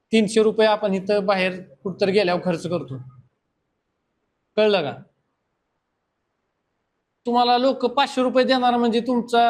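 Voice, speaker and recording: A man, teaching a class and lecturing students bluntly. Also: high voice. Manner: scolding, blunt, talks straight at students. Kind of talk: classroom lecture and pep talk.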